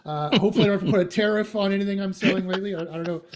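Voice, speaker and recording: A man's voice: high voice, very fast. A middle-aged man from Western Canada with a slight Canadian accent, chatting as a podcast guest with many fillers, restarts and joking asides. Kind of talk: casual interview chat.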